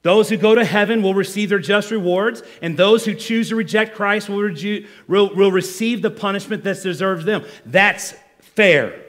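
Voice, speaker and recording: A male pastor preaching a sermon, animated and acting out the voices of complainers. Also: sits high, moderate pace.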